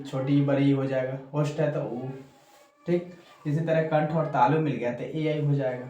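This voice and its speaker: A man with a Bihari Hindi accent talks through an exam-prep lesson at a very unhurried pace, going over each point again and again. His voice rings in a roomy, echoey space, with a faint hiss of noise behind it. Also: on the high side, a little mellow. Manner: slow, repetitive, frequent "ठीक" check-ins. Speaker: teacher.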